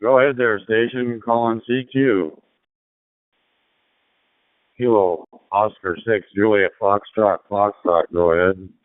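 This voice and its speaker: Man, radio operator, relaxed and reassuring, heard through a fading, tinny radio transmission. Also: fairly low pitch, slow, pauses often, no echo. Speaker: radio operator answering a call. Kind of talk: casual radio chat.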